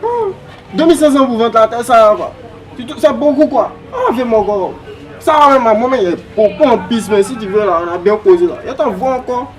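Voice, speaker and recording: A man playing a loud protesting customer. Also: very high-pitched, expressive, brisk, recorded from a distance. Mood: haggling.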